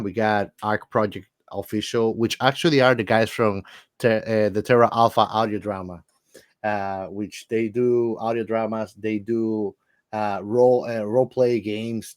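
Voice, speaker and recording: Chatting casually as a podcast co-host, this man is enthusiastic and repeats words to emphasize them. His voice is fairly low-pitched, and the recording has no room sound.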